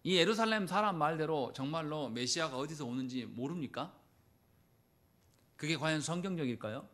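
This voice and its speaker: A man pastor preaching a sermon in a church, acting out quoted lines with sudden loud bursts. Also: a little high, animated, moderate pace. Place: church sanctuary.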